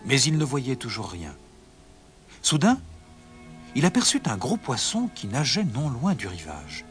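A male narrator reading a children's storybook with dramatic expression. His pitch rises and falls in a lively way. Music plays clearly beneath the reading. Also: moderate pace.

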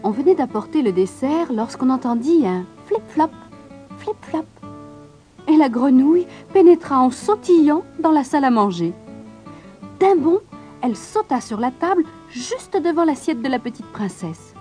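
Expressive sing-song woman storyteller. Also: high-pitched, moderate pace, soft background music. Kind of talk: scripted fairy-tale narration.

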